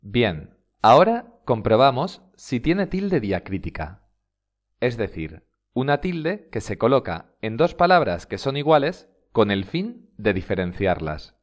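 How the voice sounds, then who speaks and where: Male Spanish teacher with a Spain accent; unhurried scripted lesson delivery, very expressive pitch. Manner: slow, deliberate, stresses example words. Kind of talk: scripted instructional narration.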